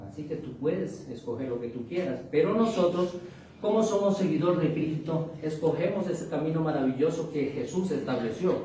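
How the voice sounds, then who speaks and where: A male minister giving a sermon, preaching in a drawn-out way and often asking the crowd "right?". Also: on the high side, expressive, warm tone. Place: church hall. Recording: echoey church hall, far from mic, noisy.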